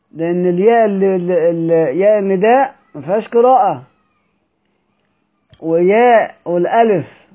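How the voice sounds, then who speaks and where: A man's voice: sits high, dull audio. A man with an Egyptian accent teaching a lesson, reading a classical text aloud in formal Arabic and then explaining it in everyday speech while putting questions to his students. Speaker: teacher of Quran orthography.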